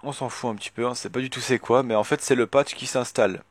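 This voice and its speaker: A man of middle pitch guides viewers through a computer tutorial in a loose, halting way, often pausing on filler words. His voice sits close and dry on a desktop microphone with no room sound. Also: fairly even intonation, no room sound. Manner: hesitant, many filler words, thinks aloud. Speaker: tutorial youtuber. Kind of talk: casual screen-recorded software tutorial.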